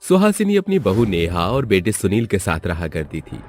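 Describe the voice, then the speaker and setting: A man narrating a storybook tale in an expressive, scripted way. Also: lowish voice, normal speed, no echo, soft background music.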